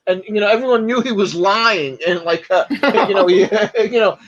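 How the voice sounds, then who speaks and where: A man chatting as a podcast guest, retelling stories in a halting way, full of fillers and restarts. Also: sits high, lo-fi sound. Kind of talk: casual podcast chat.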